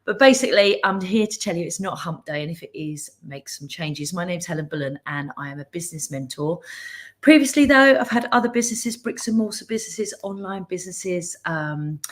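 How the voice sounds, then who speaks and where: A woman's voice: fairly low pitch, expressive, fairly quick. A middle-aged woman, a business mentor hosting her weekly live, talking in a chatty, upbeat way that often breaks off into asides. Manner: chatty, upbeat, self-interrupting. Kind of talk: casual live stream chat.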